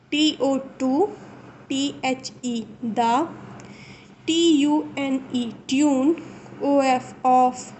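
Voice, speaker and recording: A woman's voice: high-pitched, darkish tone, slight background noise. A young woman teaching a phonics reading lesson to children, spelling out each word letter by letter before saying it and checking in with her listeners. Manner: slow, spells out letters then says the word.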